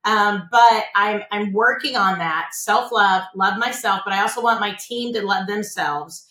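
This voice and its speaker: A woman's voice: mid-range voice, unhurried, bright, forceful tone, reverberant, low-quality recording. A woman who owns an insurance agency, a podcast guest talking about her work in an earnest, motivational way and often repeating words as she starts a thought. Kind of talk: casual interview chat.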